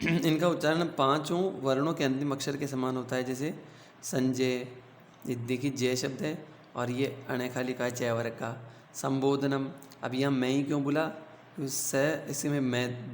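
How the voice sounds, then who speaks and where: A man's voice: mid-range voice, steady tone. Man teaching in an echoey room. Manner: explains slowly, asks the class questions and answers them himself. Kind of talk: grammar lesson for schoolchildren. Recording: echoey room with faint hum.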